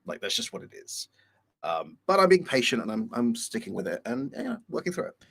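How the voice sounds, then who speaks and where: A man's voice: mid-range voice, huge pitch swings, fairly quick, creaky, a bit bright, breathy edge. A man on a video call, talking candidly and a little rambling in a casual chat. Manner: candid, rambling, self-deprecating. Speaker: co-host.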